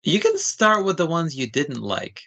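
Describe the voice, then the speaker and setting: A man's voice: on the high side, huge pitch swings, measured pace, sharp tone. A man co-hosting a podcast, explaining ideas in a casual, conversational way. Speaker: podcast co-host.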